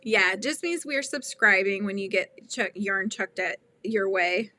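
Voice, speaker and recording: A middle-aged woman hosts a casual crochet livestream, chatting and laughing while she reads viewer comments. Her medium-pitched voice is unhurried with a sharp tone, and there's no room sound.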